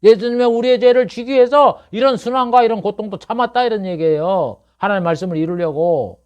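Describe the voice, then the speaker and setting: Korean pastor, rhetorical and emphatic. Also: male voice, fairly quick, smooth, muffled recording. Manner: conversational, asks rhetorical questions; swings from low murmurs to loud emphatic bursts. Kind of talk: expository sermon.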